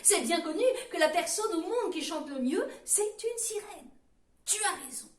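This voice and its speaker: A playful woman storyteller from France, lively, with sung refrains and sound effects in a high voice. The sound is roomy and a little distant from the mic. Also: moderate pace. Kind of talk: storytelling for children.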